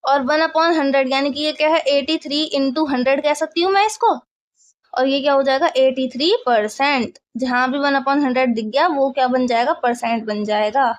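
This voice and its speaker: A woman's voice: sits high, moderate pace. A woman teaching a maths lesson, explaining step by step and often asking if the class follows.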